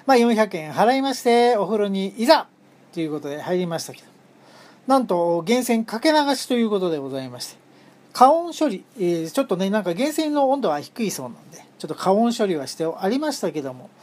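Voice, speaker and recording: A woman's voice: medium pitch, sing-song, a little fast, a little mellow. Polite woman recounting a solo trip. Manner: polite and formal with humorous asides; frequent hesitations while recounting. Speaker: podcast host. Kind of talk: solo travel storytelling.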